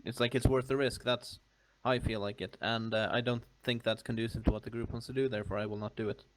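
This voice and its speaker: A man playing a tabletop game, explaining his reasoning in a hesitant, measured, casual way. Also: medium pitch, steady tone, rough recording. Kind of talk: casual group chat.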